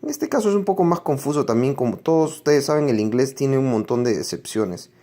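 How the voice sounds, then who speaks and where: A man's voice: medium pitch, big pitch swings, a little fast, warm tone. A man teaching English pronunciation in a classroom-style lesson, explaining patiently and repeating each example word several times.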